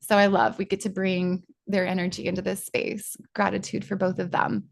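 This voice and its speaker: A woman leading an online spiritual workshop, talking in a chatty, excitable way with many restarts, over a video call. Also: mid-range voice, normal speed, vocal fry. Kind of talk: informal spiritual teaching talk.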